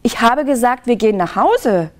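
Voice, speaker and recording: A woman's voice: a little high, animated, moderate pace, natural voice. A woman voicing a stern, impatient aunt in a children's story reading, coaxing and then scolding.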